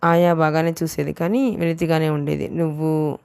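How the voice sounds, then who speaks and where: A woman reading the lines of an earnest young man in love, in a soft, confiding way, for an audiobook. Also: low-pitched, flat delivery, moderate pace, vocal fry, smooth. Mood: tender.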